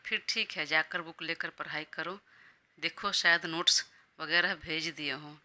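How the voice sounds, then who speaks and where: A woman voicing a gentle, protective young husband who gives soft but firm instructions, in an audio story. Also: deep voice, fairly even intonation, measured pace, heavily acted. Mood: caring. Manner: tender, bossy in a caring way.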